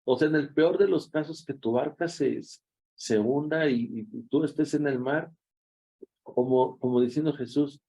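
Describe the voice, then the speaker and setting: A man's voice: on the high side, moderate pace, warm tone, low-quality recording. A man with a Mexican accent, a pastor giving a devotional sermon in a conversational, storytelling way.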